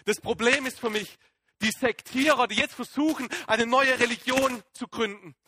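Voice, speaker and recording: A man playing the Apostle Paul in a dramatic first-person sermon, emotional and halting, moving between excited outbursts and hushed awe. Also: very high voice, a little hiss or hum. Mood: awed, fervent. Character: Apostle Paul as a man, shaken and fervent, recounting his conversion.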